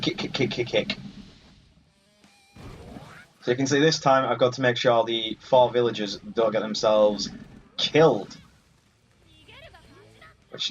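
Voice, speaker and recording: A gaming video host with a medium-pitched, slightly bright voice does casual let's play commentary, bantering and mildly cursing at the characters. Video game music plays under muffled, lo-fi audio.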